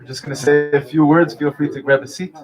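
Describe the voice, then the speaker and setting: A man's voice: a little high, fairly even intonation, a little fast, music in the background, poor audio. A man officiating a wedding, speaking under a chuppah and telling stories and jokes between Hebrew blessings. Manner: warm storytelling with Hebrew blessings.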